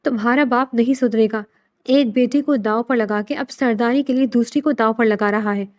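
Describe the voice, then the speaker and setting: Stern old patriarch, curt and commanding, read by a woman narrator in a high voice. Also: a little mellow, natural voice. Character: stern older man, family patriarch.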